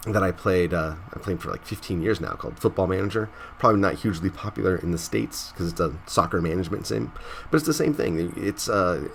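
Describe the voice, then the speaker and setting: A low, creaky, fairly bright male voice comes through with a little hiss or hum. The gaming vlogger has a cold that leaves him stuffy, and his casual talk meanders, full of restarts and tag questions like "right?"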